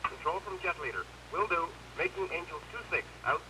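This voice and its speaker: A man's voice: on the high side, lively intonation, a little fast, background noise. A man speaking as a jet squadron leader over a pilot's helmet radio, clipped and formal, using radio procedure and call signs. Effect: pilot's helmet radio, distant and thin.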